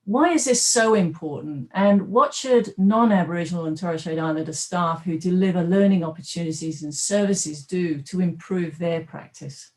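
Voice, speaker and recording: A woman from Australia moderates a virtual panel over a video call. She speaks politely and at a measured pace, with a few fillers as she introduces each question. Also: lowish voice, darkish tone.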